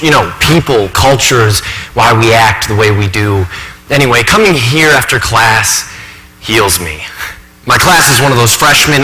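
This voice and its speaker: For a speech competition, a man performs a dramatic stage monologue as an earnest, anxious thirty-year-old college professor, confiding in halting, emphatic, self-questioning conversational asides. His mid-range voice sounds natural, and the hall is echoey with faint background noise.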